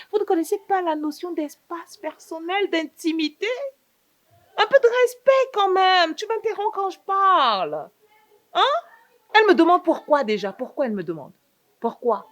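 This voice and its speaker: A woman's voice: very high-pitched, no room sound. A young woman playing a sassy, scheming younger aunt in a sitcom, needling everyone with rhetorical questions and repeated "hein". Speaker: sitcom actress. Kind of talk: comedic sitcom acting.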